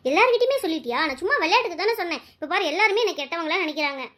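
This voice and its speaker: A woman voicing chatty village women in a cartoon, high-pitched and scolding. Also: expressive, very fast, sharp tone. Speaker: voice actor for several cartoon figures.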